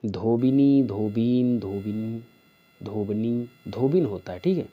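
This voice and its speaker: Dude teaching spelling for exams, slow and patient, keeps saying "theek hai", kinda muffled audio. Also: male voice, on the low side. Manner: slow, repeats each answer with a checking "theek hai". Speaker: Hindi teacher. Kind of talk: exam-prep spelling lesson.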